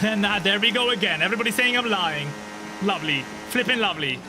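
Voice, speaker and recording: Racing car engines from the game hum behind this high-pitched, quick-paced male voice with lively intonation. He's a twenty-five-year-old live streamer talking with his viewers and narrating the race in a playful, self-teasing manner.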